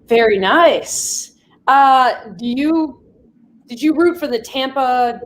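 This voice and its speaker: A woman's voice: high voice, slow pace, slight background noise. A woman casually hosting a video panel in an informal, chatty, teasing way. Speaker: talk show host.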